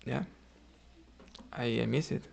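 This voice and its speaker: Slow and darkish, this medium-pitched male voice has vocal fry and fairly even intonation, with a little hiss or hum behind it. The speaker is a Cuban streamer commentating his chess live, musing on moves, adding "right?" often and chatting with viewers between moves.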